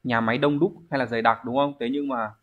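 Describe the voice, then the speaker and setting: A man's voice: mid-range voice, fairly even intonation, quick pace, narrow, tinny audio. A man, teaching a language exam review lesson, explaining step by step and answering his own questions.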